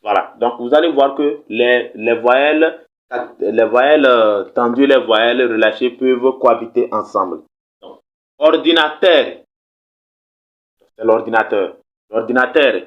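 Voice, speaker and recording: A man's voice: mid-range voice, a little slow. Patient male language teacher, lo-fi sound. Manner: patient, repeats words and checks with "ok?". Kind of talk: video language lesson. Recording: slightly dull, lo-fi recording.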